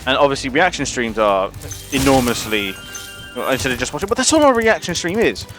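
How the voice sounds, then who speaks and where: A man's voice: medium pitch, very animated, fairly quick, music in the background. A man ranting casually and profanely on a gaming livestream, rambling with lots of restarts. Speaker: gaming streamer.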